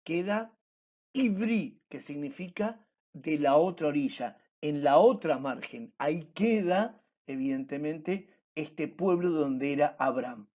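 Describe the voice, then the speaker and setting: Slow, deliberate man teaching. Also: a little high, lively intonation, a little mellow. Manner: slow, explanatory, repeats key words. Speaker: church class teacher. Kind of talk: recorded online lesson. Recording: dull lo-fi recording.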